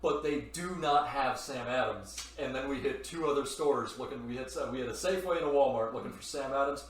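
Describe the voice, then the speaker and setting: A man's voice: mid-range voice, a little fast. A man hosting a casual beer review podcast, laid-back and rambling, swearing now and then. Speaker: podcast host. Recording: roomy echo, mic at a distance, faint ambience.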